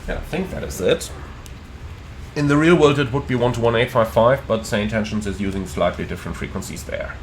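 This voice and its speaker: A man's voice: medium pitch, a little fast. Male pilot narrating cockpit procedures, faint hum. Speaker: airline pilot and flight simulator streamer. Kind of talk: flight sim commentary with procedural cockpit callouts.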